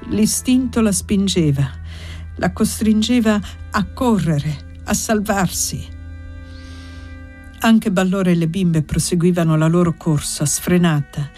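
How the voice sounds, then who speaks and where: A woman reads a novel aloud with measured, expressive narration. Her voice is low and dry, recorded close, with faint music underneath. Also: dry recording. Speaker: audiobook reader. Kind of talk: literary narration.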